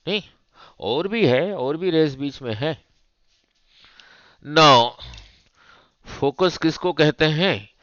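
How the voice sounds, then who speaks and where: A male physics teacher, lecturing slowly and repeating himself, often asking "right?" to check understanding. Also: a little high, a bit bright, smooth, no echo, highs cut off. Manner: slow, repetitive, checks understanding with rhetorical "nahin?". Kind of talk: classroom lecture at a board.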